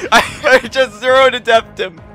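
A man giving casual, excitable commentary over his own gameplay, swearing and laughing as he plays. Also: extremely high pitch, slow, faint music behind. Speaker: gaming YouTuber.

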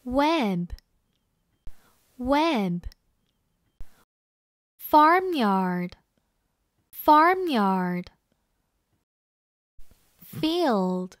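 A woman teaching English reading at a very slow, deliberate pace. Her voice sits a little high. She repeats every word twice with clear, exaggerated expression for learners to copy, and the sound is close and dry. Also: no echo. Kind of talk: slow read-aloud drill for repeat-after-me practice.

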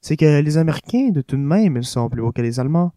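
A man voicing a calm, confiding middle-aged politician who schemes. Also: a little high, fast, dry recording, studio quality, lightly acted.

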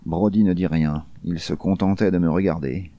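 Low, dark-voiced male reader, deadpan crime audiobook narration, dry sound. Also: moderate pace, gravelly, no echo, muffled recording. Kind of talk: scripted first-person crime narration.

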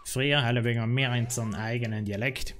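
A man with a South Tyrolean German accent rambles and complains, full of fillers, in casual chat during a gameplay livestream. His mid-range voice stays steady and fairly bright, and he talks briskly.

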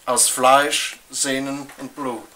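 A man's voice: mid-range voice, little pitch movement, slow pace, bright, forceful tone. A man playing a paranoid, gun-loving private detective in an amateur noir short, melodramatic and given to bellowing. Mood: brooding, confiding. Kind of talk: amateur film noir acting. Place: living room, indoors. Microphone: camera mic at a distance. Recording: echoey room, distant mic, noisy.

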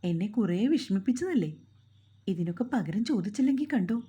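A woman's voice: mid-range voice, expressive, fairly quick, dark tone, husky. A woman storyteller voicing a playful young wife who teases and coaxes her husband. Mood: coaxing. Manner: coaxing, pleading, playful.

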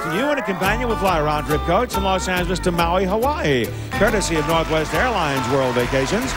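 A male game show announcer with a high voice reads scripted prize copy. His delivery is booming and enthusiastic, the classic prize announcer. Loud music plays behind him. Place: television game show studio.

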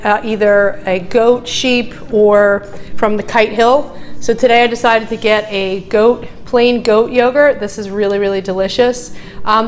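A middle-aged woman vlogging casually, talking through her grocery haul with frequent ums and uhs, first on a phone held at arm's length and then in her home kitchen. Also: a little high. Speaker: health vlogger. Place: parking lot outdoors, then home kitchen. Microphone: phone at arm's length, then camera on a stand.

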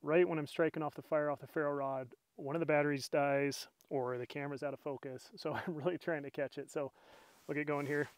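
In a dry recording, a fairly high male voice moves briskly with fairly even intonation. He's a middle-aged outdoors host at a mountain campsite, chatting and joking at his own expense while showing his gear step by step. The footage comes from a camera mic, a body cam and a tripod-mounted camera.

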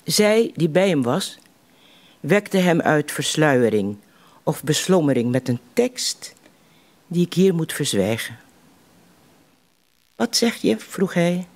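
A man reciting poems in a slow, measured way, with deliberate pauses between lines. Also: a little high. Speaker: poetry reciter at a literary evening.

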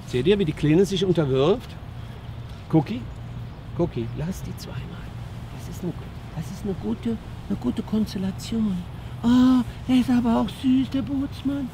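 A man who works as a dog trainer, giving lively casual commentary outdoors as he talks to the dogs and to his viewers. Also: sits high, unhurried, noisy background.

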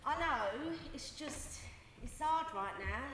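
A woman acting out a worried, firm woman with a bright, tense, high voice, urging and weary. She is heard from far off in a big echoey hall with a long reverb. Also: animated, takes it slowly, slight background noise, full character voice. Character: worried but firm woman supporting a younger man. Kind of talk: stage play acting.

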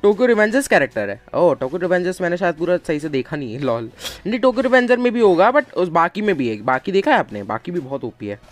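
A man's voice: high-pitched, fast talker, hardly any pauses, faint music behind. Chatty male game streamer. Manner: chatty, calls out to viewers and teammates, bursts of excited shouting. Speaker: gaming streamer. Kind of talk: casual live game commentary.

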